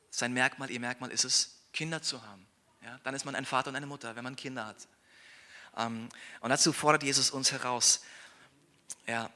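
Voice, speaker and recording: A man's voice: mid-range voice, pushed and bright. A man preaching a sermon as a pastor, earnest and conversational, often checking in with his listeners and repeating words as he restarts. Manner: earnest, tag questions like "ja?". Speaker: pastor and church planter.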